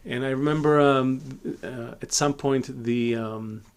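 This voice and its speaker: Middle-aged man from Israel, reflective teacher in a live Q&A, halting and full of restarts, mid-pitched voice. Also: steady tone, clear, resonant tone. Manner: reflective, many fillers and restarts. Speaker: Kabbalah teacher. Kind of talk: live Q&A talk.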